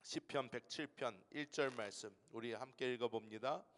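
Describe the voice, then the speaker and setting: A man preaching a sermon as pastor. He tells stories, dropping to hushed asides and rising to loud, emphatic peaks. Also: medium pitch, moderate pace. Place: church sanctuary. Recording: long reverb of a large hall.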